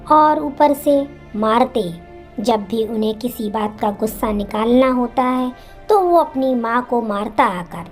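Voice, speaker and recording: A woman tells an emotional moral story in a slow, dramatic manner. Her voice sits a little high. Faint music plays underneath.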